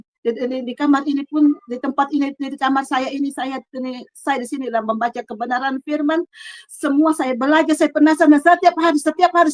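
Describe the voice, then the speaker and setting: A middle-aged woman speaks with fervent emotion about her faith from her own bedroom. Her voice sits high, and the sound is close and dry with no room ring. She often stops short, restarts and repeats phrases as she talks. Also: no echo, low-quality recording. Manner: fervent, with frequent restarts and repetitions. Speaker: convert giving a personal faith testimony. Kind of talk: emotional spoken testimony.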